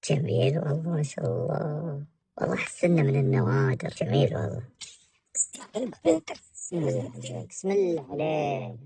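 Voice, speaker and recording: A woman voicing a pious old male pet who mutters blessings in an Egyptian accent, with a husky, breathy voice. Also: low voice, dark tone, dry recording, voice pushed down. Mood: admiring. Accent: Egyptian Arabic. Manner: slow, murmuring praise.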